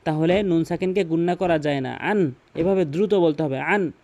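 A male Quran recitation teacher with a Bangladeshi accent. His voice sits high for a man, with a dark, mellow tone, and he walks through the rules patiently, repeating and recapping as he goes. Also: moderate pace. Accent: Bangladeshi Bengali. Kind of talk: tutorial explanation with recited examples.

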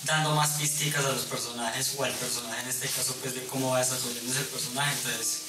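A man's voice: mid-range voice, level tone, brisk, recorded from a distance, heavy background noise. A man in his twenties with a Colombian accent, talking casually in a behind-the-scenes interview. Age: 20s. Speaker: film crew member. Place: small indoor room. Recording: echoey room, off-mic, loud music behind.

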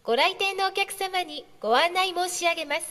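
A woman's very high, bright voice makes polite, carefully measured announcements to shoppers. Her formal, honorific delivery carries over a public address system, trailing a long reverb through a large hall.

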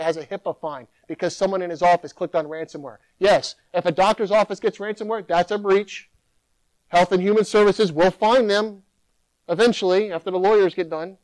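Man, middle-aged, keynote Q&A, animated, high voice, dry podium mic. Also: no echo, low-quality recording. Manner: animated, mimics users in mocking voice. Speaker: keynote speaker. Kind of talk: conference Q&A answers. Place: conference hall at a podium. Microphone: podium microphone.

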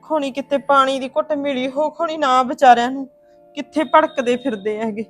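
An actress playing a woman who comforts and reassures her grieving sister-in-law and calmly explains what has happened. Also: high-pitched, moderate pace, faint music behind, lightly acted. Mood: soothing. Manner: soothing, reassuring, talks it through. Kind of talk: Punjabi family drama acting.

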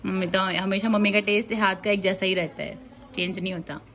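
A woman's voice: medium pitch, fast, a bit bright. A young woman, chatting casually and teasingly in a family vlog filmed on a phone. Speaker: vlogger. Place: home, indoors and on a rooftop.

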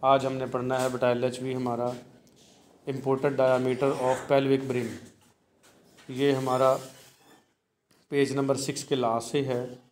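A man giving a recorded lecture. He reads English lines slowly and then explains them patiently to his students, calling them "beta". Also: medium pitch, completely flat delivery, a little hiss or hum. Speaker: teacher.

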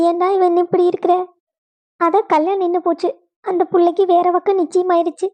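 A woman's voice: extremely high pitch, level tone, fairly quick, dark tone. A woman voicing a grieving older mother-in-law with a Kongu Tamil accent, wailing and scolding in a family drama. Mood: bitter.

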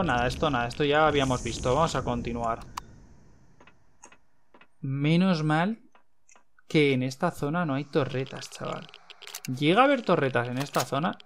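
Young male Castilian Spanish game streamer, slightly high voice, jumpy and chatty, noisy home mic with clicks. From Spain. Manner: excitable, swears when startled, repeats words in bursts. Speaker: gaming YouTuber. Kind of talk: live gameplay commentary.

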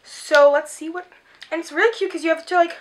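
A young woman hosting a casual candy taste-test, chatty and quick to say things are gross. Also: extremely high pitch, steady tone, poor audio. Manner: chatty, easily grossed out, giggly. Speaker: host.

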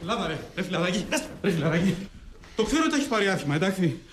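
A man's voice: high-pitched, lively intonation, slight background noise. An actor playing a man who pleads and jokes to win back his friend. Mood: coaxing. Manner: coaxing, joking, pleading.

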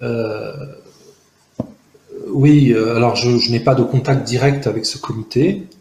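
Speaking close to the camera in a park-like garden by buildings, a forties-aged Algerian man, Arabic being his native tongue, offers reflective interview testimony with plenty of pauses, fillers and false starts. His tone is earnest, analytical, steady and somewhat dark, at medium pitch. The low-quality recording sounds echoey, as if in a room.

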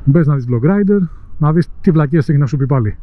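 A man's voice: fairly high pitch, animated, lo-fi sound. A man with a Greek accent vlogging from his motorcycle on city streets, chatting casually and teasing his viewers. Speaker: motovlogger. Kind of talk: casual chat while riding.

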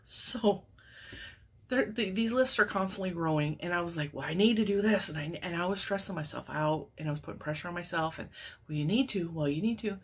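Her voice is fairly low and slightly rough, a bit fast, and audibly wheezy and congested. This woman in her forties runs a crochet channel, chatting casually from her yarn-shelved home craft room while laughing a lot and gesturing animatedly.

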